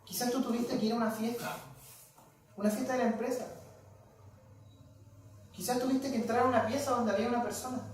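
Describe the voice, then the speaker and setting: A man's voice: extremely high pitch, steady tone, a little fast, pauses often. Echoey emphatic man preaching. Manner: emphatic, rhetorical questions, repeated phrases. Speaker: preacher leading a Bible study. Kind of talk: sermon. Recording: echoey hall, mic at a distance.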